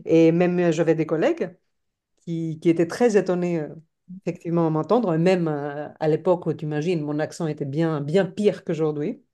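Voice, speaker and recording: A woman in her forties from Crete with a Greek accent, a podcast guest telling her story in lively casual chat, laughing often. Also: low voice, normal speed. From Crete, Greece. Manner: animated, laughs often, proud and emphatic.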